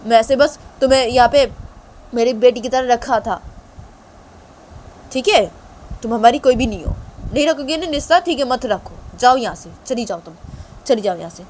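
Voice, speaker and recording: A woman voicing a grieving father who angrily orders a girl out of his house, repeating short loud commands. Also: fairly high pitch, measured pace, a little hiss or hum, pitched above the performer's own voice. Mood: angry. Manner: loud, repetitive, dismissive commands. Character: angry grieving father sending girl away.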